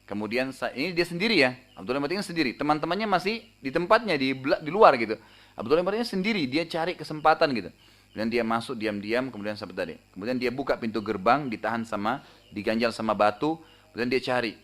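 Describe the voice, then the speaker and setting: A man preaching a storytelling sermon, conversational and animated, often tagging sentences with casual fillers. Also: medium pitch, fast. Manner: conversational, frequent tag fillers; animated retelling, raising voice for dramatic moments. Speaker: Islamic preacher.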